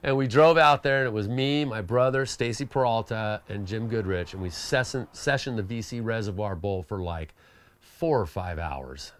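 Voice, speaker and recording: Man, skateboarder, animated storyteller, acts out quotes, lowish voice, dry sound. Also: no echo. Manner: casual, peppered with "you know" and "like". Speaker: pro skateboarder. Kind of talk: storytelling anecdote.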